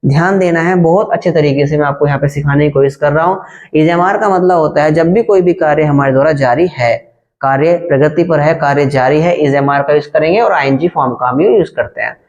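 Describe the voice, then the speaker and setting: Man teaching English with slow drills. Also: on the high side, darkish tone. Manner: slow, drilled English example sentences between explanations. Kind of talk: spoken English lesson. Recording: dull lo-fi sound.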